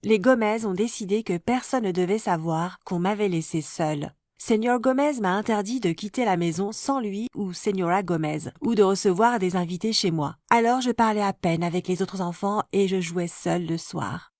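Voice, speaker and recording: A woman of middle pitch tells a first-person story in a steady, scripted narration. Her voice is close to the mic and completely dry, with no room around it. The delivery stays even and measured, like a storybook reading. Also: no echo. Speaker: narrator of an animated life story.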